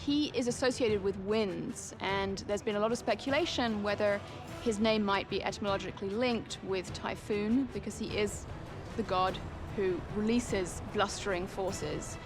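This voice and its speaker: A woman explaining as an academic expert in a documentary interview, with precise, measured phrasing. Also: mid-range voice. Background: music.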